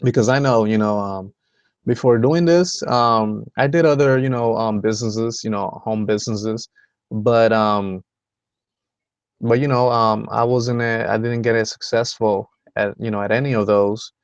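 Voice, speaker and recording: Hosting a motivational video call, this Dominican man talks in a rambling style full of fillers and false starts. His lowish voice is steady, clean and a little slow, with no echo but a muffled quality to the recording.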